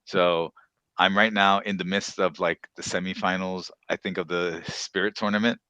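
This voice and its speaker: A man with a deep yet bright, forceful voice hosts a casual podcast. He rambles through asides in a loose, chatty way, recorded close and dry. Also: flat delivery, moderate pace, smooth, dry recording, dull audio. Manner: rambling, swearing, many "you know" asides. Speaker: podcast host. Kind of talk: casual chat about games and shows.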